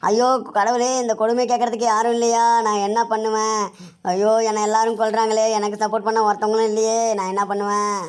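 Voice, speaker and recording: A woman's voice: sits high, steady tone, fast, natural voice. A woman playing a complaining widowed mother-in-law in a family comedy skit, with a Kanyakumari Tamil accent. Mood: wailing. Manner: wailing, complaining.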